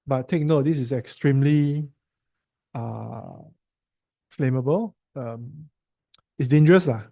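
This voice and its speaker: Mellow-voiced Singaporean science tutor. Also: male voice, medium pitch, slow, gravelly. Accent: Singaporean English. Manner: quizzing a student, teasing and chatty. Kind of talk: online science lesson.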